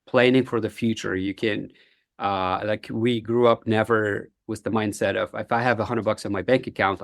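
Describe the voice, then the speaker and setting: A man's voice: on the low side, no echo, clean studio sound. A man from Egypt, a guest in a podcast interview, speaking earnestly and reflectively with frequent "uh" fillers. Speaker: guest, entrepreneur.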